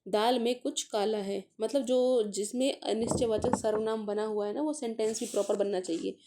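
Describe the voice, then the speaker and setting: A woman teaching a casual grammar lesson for exam preparation, working through paper questions and sounding out letters and words slowly to explain them. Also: fairly high pitch, steady tone, background noise. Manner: mixes English words into explanations.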